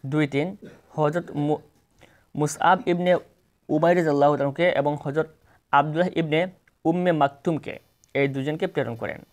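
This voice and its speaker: An exam tutor with a Bangladeshi Bengali accent reads multiple-choice questions and their answers in a plain, steady manner, sometimes correcting himself. His voice is a little high.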